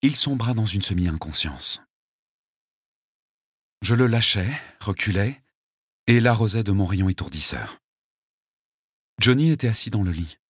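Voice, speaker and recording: A man reads an audiobook aloud with a low, husky voice. His pitch moves freely and vividly through the lines. The sound is dry and close. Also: lively intonation, measured pace, long pauses, no echo. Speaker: audiobook narrator. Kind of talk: scripted audiobook narration.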